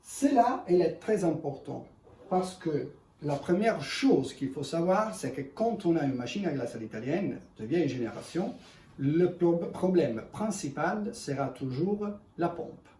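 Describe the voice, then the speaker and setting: A man in gives an unscripted product demonstration in halting, self-correcting, speech. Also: fairly high pitch, very animated, mellow. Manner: halting non-native French with self-corrections. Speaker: ice cream machine presenter. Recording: echoey room, distant mic, faint noise.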